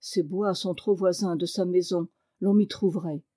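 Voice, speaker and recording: A woman's voice: fairly low pitch, fairly even intonation, normal speed, dark tone, close to an everyday voice. A woman voicing a young, frightened noble girl who speaks in a worried, hesitant way. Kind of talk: read-aloud fairy tale.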